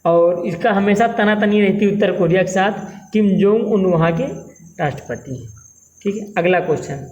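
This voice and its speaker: A man's voice: high-pitched, normal speed, a little mellow, lo-fi sound. A man teaching exam-prep current affairs as a lecture, repeating each question and tagging lines with "theek hai", in a North Indian Hindi accent.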